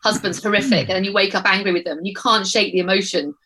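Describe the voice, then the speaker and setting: A woman's voice: medium pitch, fast, sharp tone, low-quality recording. Giggly woman chatting on a podcast. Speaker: podcast panelist. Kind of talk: casual chat.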